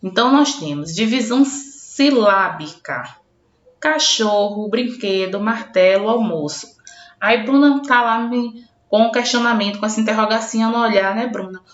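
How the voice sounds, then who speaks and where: Woman teacher, recorded lesson, patient classroom delivery, roomy echo. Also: a little high. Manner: addresses imagined pupils by name, answering for them; slow, spelled-out classroom explanation. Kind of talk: recorded online grammar lesson. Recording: roomy, dull lo-fi home recording.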